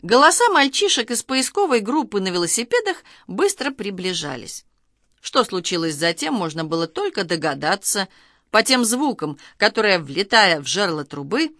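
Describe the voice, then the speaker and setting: A woman narrating a children's story aloud, reading in a lively, expressive way. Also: medium pitch, moderate pace, no echo, studio quality.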